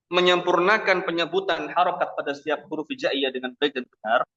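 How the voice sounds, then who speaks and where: A man teaching Quran recitation, slowly demonstrating each sound with drawn-out chanting. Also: on the high side, fairly bright tone. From Indonesia. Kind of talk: tajwid lesson with demonstrations. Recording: dull lo-fi recording.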